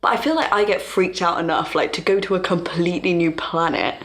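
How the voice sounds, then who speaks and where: A woman's voice: fairly low pitch, fairly quick, fairly bright tone. A young woman co-hosting a casual chat, talking in a musing, hesitant way. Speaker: podcast co-host.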